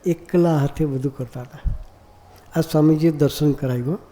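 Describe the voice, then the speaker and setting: A man's voice: a little high, steady tone, normal speed, mellow. A man giving a devotional discourse as a monk preacher, often asking the audience rhetorical questions.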